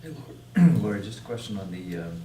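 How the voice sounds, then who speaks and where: A man's voice: fairly low pitch, sing-song, fast, warm tone. A man at a meeting, asking plain, hesitant questions while standing far from the phone he speaks into. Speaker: meeting member calling in. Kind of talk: casual meeting talk. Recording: distant echoey phone pickup with noise.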